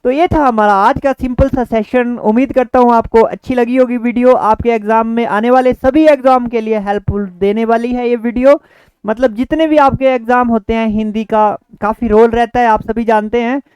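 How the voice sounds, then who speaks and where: A man teaching an exam-prep grammar lesson. His voice is smooth and clear, recorded close and dry no room echo. He repeats each question and key word patiently for his viewers. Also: very high-pitched, steady tone, moderate pace, a little mellow.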